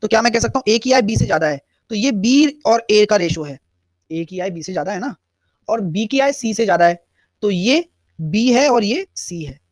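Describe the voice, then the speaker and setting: A man's voice: high voice, lively intonation, moderate pace, dry recording. Hindi-speaking male teacher, live math class. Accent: Hindi-English mix. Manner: explains step by step, answers chat questions.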